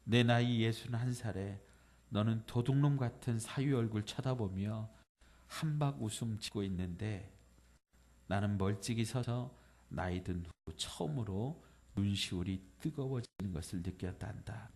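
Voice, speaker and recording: A male pastor giving a Sunday sermon, reading a poem and a letter aloud gently and slowing down on the tender lines. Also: on the low side. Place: church sanctuary.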